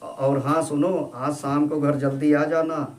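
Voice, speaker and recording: A man voicing a sharp-tongued but loving middle-aged wife who scolds and teases, in a storybook reading. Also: on the high side, level tone, natural voice. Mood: fond. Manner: scolding, teasing, brisk.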